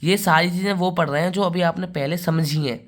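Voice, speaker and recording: A man giving a biology lecture, asking rhetorical questions and repeating key terms slowly. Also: high voice, steady tone. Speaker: biology teacher. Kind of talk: classroom lecture.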